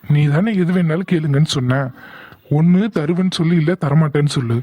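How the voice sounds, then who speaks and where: A man's voice: fairly high pitch, brisk, dark tone, no echo, lightly acted. A man voicing a blunt, money-minded young husband. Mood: impatient. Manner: blunt, impatient.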